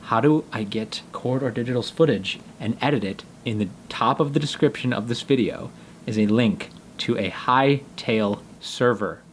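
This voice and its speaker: A man hosting a video, reading out job application instructions in a deliberate, robot-like, step-by-step manner. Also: medium pitch, a little hiss or hum. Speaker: host announcing a job opening. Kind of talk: scripted instructional presentation.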